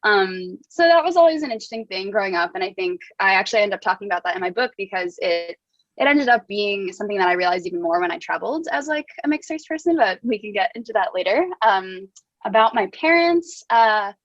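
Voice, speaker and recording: A woman's voice: mid-range voice, animated, quick pace, fairly bright tone, dry recording, highs cut off. A young woman from New Jersey, a guest author talking casually in an interview, full of "like" and "um". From New Jersey, USA. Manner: chatty, heavy use of "like" and "um".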